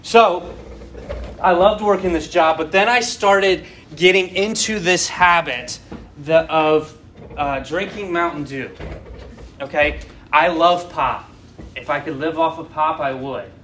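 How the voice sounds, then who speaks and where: A young man in his twenties preaching in a loose, rambling, conversational way, turning to his listeners directly. His voice sits a little high for a man, with a faint hum in the background. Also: slow, a bit bright. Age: 20s. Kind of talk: casual sermon.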